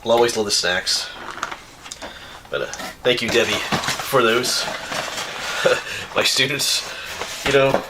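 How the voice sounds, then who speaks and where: Sniffling from a cold, a man who runs an outdoors YouTube channel opens viewer mail at home on camera, rambling casually and laughing often. His mid-range voice moves slowly with frequent pauses, and the camera mic picks up heavy background noise.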